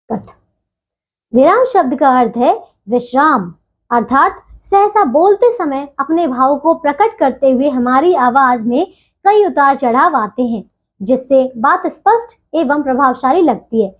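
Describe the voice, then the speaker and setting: A woman teaching a grammar lesson to children, patient and steady, pausing between phrases and often checking they follow. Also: high voice. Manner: patient, keeps asking "theek hai bachchon?"; leaves deliberate pauses between phrases.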